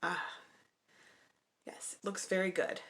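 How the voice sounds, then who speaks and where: A young woman vlogger chatting casually as she unboxes beauty products, upbeat and quick to call everything exciting. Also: on the low side, gravelly, background noise.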